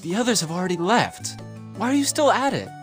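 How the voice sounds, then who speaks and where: In a long echo with faint music behind, a grumbling young man complains in a video game. His voice is very high and wildly animated, whiny and exasperated. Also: a little fast. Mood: wary. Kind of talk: game voice acting. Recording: very echoey hall reverb.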